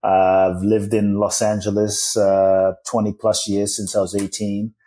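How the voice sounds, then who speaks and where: A man's voice: lowish voice, completely flat delivery, a little slow, mellow. A man in his forties, born in Ghana and raised in London, telling his life story as a podcast guest in an earnest, reflective way. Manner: earnest, spiritual storyteller with many restarts. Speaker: podcast guest, author and speaker.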